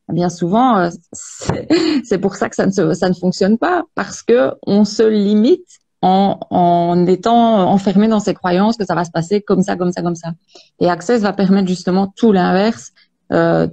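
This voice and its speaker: A woman with a mellow, soft-edged voice speaks calmly and at a measured pace, often pausing on hesitations. She explains energy healing sessions as a guest in an interview. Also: lowish voice. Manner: calm, measured, many hesitations. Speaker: Access Bars practitioner, guest.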